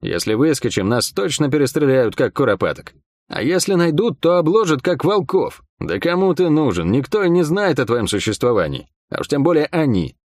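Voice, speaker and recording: A man's voice: fairly high pitch, very animated, normal speed, no room sound, clean studio sound. Man reading as a curt, stern young warrior. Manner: curt, hushed and firm.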